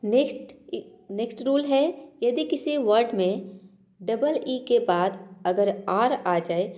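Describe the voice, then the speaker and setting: A woman's voice: on the high side, takes it slowly, mellow. A woman teaching a pronunciation lesson, explaining step by step and repeating each example patiently. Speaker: English teacher.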